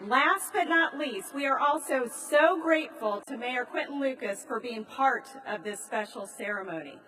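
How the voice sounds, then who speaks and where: An American woman speaking as a presiding judge, giving a formal, measured ceremonial address. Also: fairly high pitch, expressive. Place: large grand hall in a train station. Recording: echoey large hall, distant mic.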